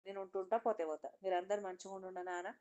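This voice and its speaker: A woman's voice: medium pitch, steady tone, fast talker, warm tone, muffled recording, lightly acted. A woman voicing a brave, selfless youngest daughter in a folk tale. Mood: resolute.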